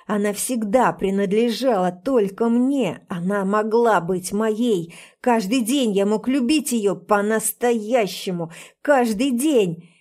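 A woman voicing an obsessive, violent young man in an audiobook, who shouts accusations and then turns softly menacing. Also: mid-range voice, slow pace, close to an everyday voice. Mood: raging.

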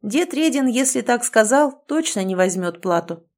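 Young male guide voiced by a woman, calm, sure, steady, plain delivery, storybook reading. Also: on the high side, normal speed, pitched above the performer's own voice.

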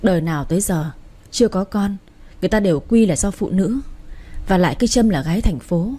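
Woman reading as a gentle old father-in-law. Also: mid-range voice, animated, a little fast, lightly acted. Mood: soothing. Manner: soft, soothing. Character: gentle older father-in-law, calm peacemaker.

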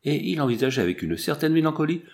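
A man narrating an adventure novel in a steady, measured reading. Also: on the high side. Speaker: audiobook narrator. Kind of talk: audiobook reading.

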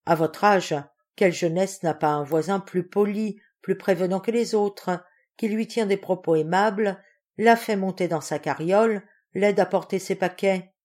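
A woman voicing a shrewd spinster mistress who coaxes and reasons in a soft, persuasive way. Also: medium pitch, normal speed, close to an everyday voice. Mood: coaxing.

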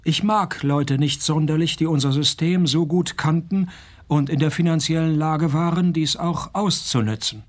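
A man playing a cynical, hard-drinking noir private detective in a radio crime drama, dry and deadpan. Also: fairly high pitch, moderate pace, natural voice. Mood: dry, weary. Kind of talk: scripted radio crime drama with first-person narration.

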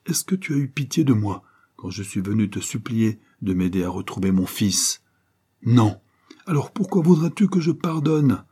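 A man's voice: fairly low pitch, moderate pace, warm tone, breathy edge. A man voicing a stern, wrathful older former convict who accuses in a thundering way, read as an audiobook. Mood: accusing. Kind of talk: audiobook reading.

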